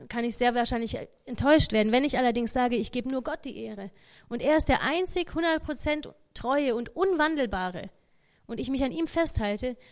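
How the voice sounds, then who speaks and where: A woman giving an informal devotional talk, earnest and conversational, often voicing the thoughts of an imagined believer. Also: a little high. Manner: earnest, conversational, acts out imagined inner voices.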